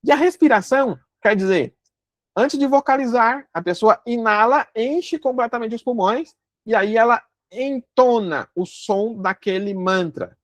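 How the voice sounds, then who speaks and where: A woman giving a calm spoken lesson, explaining step by step with frequent fillers and restarts. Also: on the high side, measured pace, no room sound. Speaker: instructor.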